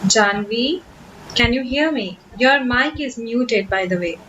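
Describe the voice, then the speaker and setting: A young woman with an Indian English accent hosts a spoken English class over a video call. Her voice sits a bit high, and she talks in a chatty, encouraging way with easy fillers. Faint hiss runs under the call. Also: slow. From Kolkata, India. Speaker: spoken English workshop host. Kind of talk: online class, casual teaching talk.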